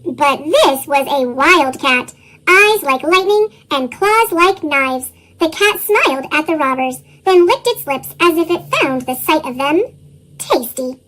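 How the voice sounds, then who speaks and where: High chipmunk-effect storybook narrator. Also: expressive, measured pace, bright, forceful tone, rough recording. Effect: sped-up, pitched-up chipmunk voice. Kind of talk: storybook read-aloud narration.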